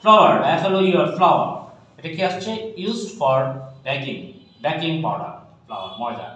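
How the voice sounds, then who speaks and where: A man teaching English vocabulary as an online lesson, spelling words out letter by letter and slowing down on the English definitions. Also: a little high, big pitch swings, a bit bright. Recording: very echoey room with long reverb.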